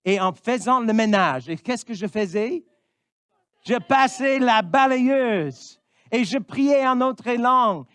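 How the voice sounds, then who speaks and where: Guy in his 50s preaching, earnest, keeps saying amen, pretty high voice. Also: animated, slow, fairly bright tone, smooth, dry recording. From Missouri, United States. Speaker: pastor. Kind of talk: sermon.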